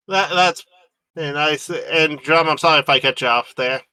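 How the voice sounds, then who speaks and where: A man's voice: a little high, measured pace, pushed and bright, clean tone, dry recording. A man hosting a casual online panel, talking hesitantly with many fillers and restarts. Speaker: panel host.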